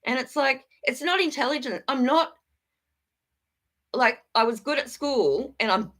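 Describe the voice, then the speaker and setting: A blunt woman talks straight to her livestream chat, rambling from one point to the next and swearing without a second thought. Her voice sits a little high, with a bright, forceful edge that cuts through. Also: lively intonation, unhurried.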